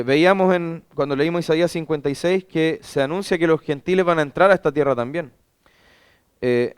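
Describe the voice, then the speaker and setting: A man's voice: fairly high pitch, clear, resonant tone, no room sound, clean studio sound. A man, a pastor, teaching a Bible class; he reads scripture aloud and asks rhetorical questions that he then answers himself.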